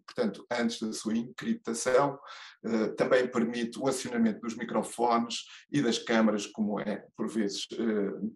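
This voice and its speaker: A man's voice: on the low side, reverberant. A man with a European Portuguese accent, a judge and lecturer giving a conference keynote, hesitant, with many fillers and restarts.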